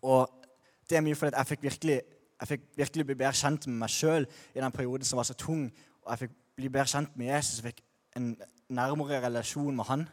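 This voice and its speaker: Young man, mid-pitched, candid faith testimony, slangy and halting, long reverb. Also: steady tone. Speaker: speaker sharing a personal faith testimony. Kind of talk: personal testimony talk.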